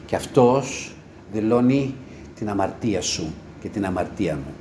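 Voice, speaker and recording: A man preaching a sermon with passion, rising to loud cries and dropping to low murmurs. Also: expressive, slight background noise.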